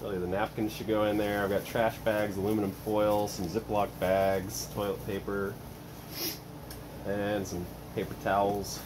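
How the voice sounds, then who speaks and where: A man in his thirties casually walking through his camping kitchen gear at home, chatty and relaxed with frequent fillers. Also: lowish voice, moderate pace, background noise. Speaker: vlogger showing camping gear. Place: cluttered home storage room and kitchen, indoors.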